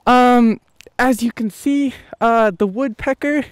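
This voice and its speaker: A man voicing a hyped male monster truck arena announcer in an improvised role-play, with a drawn-out, booming showman delivery. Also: fairly even intonation, clean tone, no echo.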